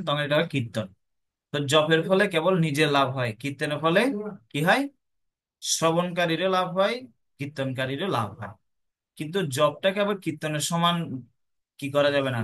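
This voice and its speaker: A man gives a devotional talk in a voice a little higher than most men's. He teaches by asking rhetorical questions and answering them himself, with a patient, explaining manner. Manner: chants the mantra softly. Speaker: devotional speaker. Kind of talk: Bengali devotional class.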